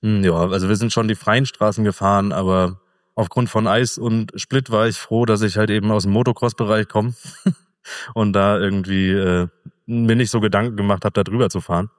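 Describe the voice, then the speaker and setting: A middle-aged man as an interview guest, telling a travel story in a relaxed, rambling way with fillers. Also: fairly low pitch, moderate pace, dry recording, clean studio sound, in a large hall. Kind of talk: casual conversational storytelling.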